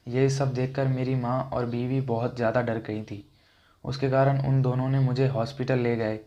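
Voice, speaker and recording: A man reading a first-person ghost story in an even, steady scripted narration. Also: mid-range voice, muffled recording.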